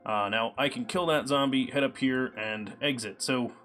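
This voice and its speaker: A man chats through a live coding stream in an easygoing, meandering way, filling pauses with ums and uhs. His voice sits at an ordinary middle pitch and is a little scratchy from a cold. Soft background music plays faintly under him. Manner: relaxed, chatty, many ums and uhs. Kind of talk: casual live-stream talk.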